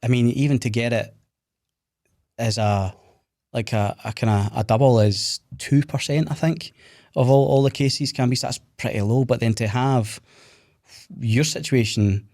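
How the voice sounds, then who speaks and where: A man's voice: medium pitch, normal speed, darkish tone, dry recording, studio quality. A man hosting a podcast, asking supportive, rambling questions in a casual interview. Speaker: podcast host.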